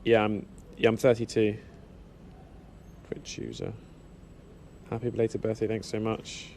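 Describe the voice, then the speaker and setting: Here a British man in his thirties, vlogging on his motorcycle, pauses at an outdoor café in central London to chat casually with live-stream viewers and poke fun at himself. He speaks at a measured pace in a fairly low, creaky voice with a darkish tone. His small helmet action-camera mic adds a faint hiss or hum.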